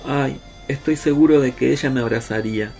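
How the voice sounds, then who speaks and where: A man's voice: mid-range voice, normal speed, faint music behind, close to an everyday voice. A man voicing a tiny, lonely baby bird looking for its mother in a children's story. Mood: crying. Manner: pleading, tearful.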